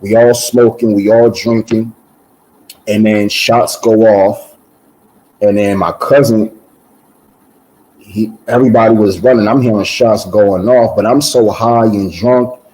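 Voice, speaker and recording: Man, low mellow voice, loose conversational testimony, lots of restarts and fillers. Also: unhurried, long pauses, poor audio. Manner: animated, repeats words and restarts with many "um"s. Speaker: guest giving a testimony. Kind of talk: casual personal storytelling.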